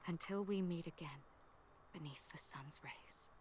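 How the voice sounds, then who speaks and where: A woman voicing a gentle young woman who narrates a farewell in soft, breathy game narration, hushed and half-whispered. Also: fairly low pitch, a little slow, slight background noise, lightly acted. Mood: wistful.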